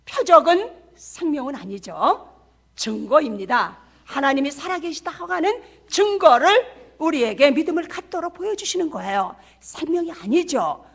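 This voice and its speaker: A woman's voice: high-pitched, very animated, moderate pace, creaky. A middle-aged woman missionary preaching a sermon in a church, passionate and full of rhetorical questions to the congregation.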